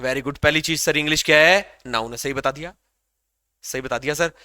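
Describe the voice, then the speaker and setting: A man's voice: a little high, normal speed, bright, forceful tone, clean tone, no room sound. A man teaching an English grammar class to students, asking questions and repeating the answers back.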